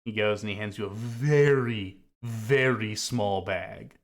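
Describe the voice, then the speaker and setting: A man's voice: lowish voice, slow pace. A man narrating a tabletop game as game master.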